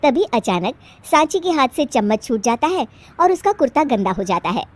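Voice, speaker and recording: A woman's voice: high-pitched, sing-song, normal speed. A woman narrating a cartoon moral story in a plain storybook manner.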